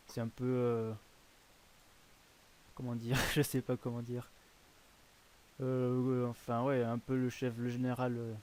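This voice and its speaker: A man's voice: medium pitch, mellow, a little hiss or hum. A man hosting casual gameplay commentary on a browser game, rambling and hesitant, often correcting himself. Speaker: host presenting a browser game.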